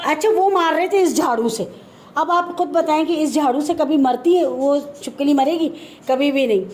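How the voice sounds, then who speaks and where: A middle-aged Pakistani woman with a high voice, vlogging on her phone at home. She talks in a chatty way and tells stories with animated repeats. Faint household noise sits behind her voice. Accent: Pakistani Urdu. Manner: chatty, animated storytelling, repeats herself for emphasis; frightened and fretful at first. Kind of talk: casual family vlog chat. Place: home, moving between rooms and a balcony.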